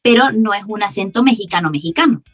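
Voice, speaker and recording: A woman from Venezuela with a softened Caracas accent, a voice actress explaining her craft in a casual podcast interview, often breaking into laughter. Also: medium pitch, animated, fast talker, husky, no echo, faint music behind. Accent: Caracas Venezuelan Spanish, softened. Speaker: voice actress guest.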